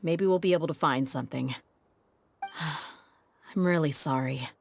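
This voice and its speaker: A woman's voice: low-pitched, measured pace, vocal fry, slight background noise. A woman playing a tough, shrewd, blunt mercenary in a video game, speaking with confidence. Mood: frank, concerned. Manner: confident, threatening when pressing, frank.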